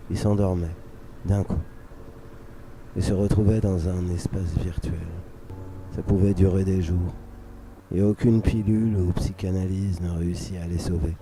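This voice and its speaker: Deep, dark-voiced man narrating a radio drama. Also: steady tone, measured pace, a little hiss or hum, low-quality recording. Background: music under the voice.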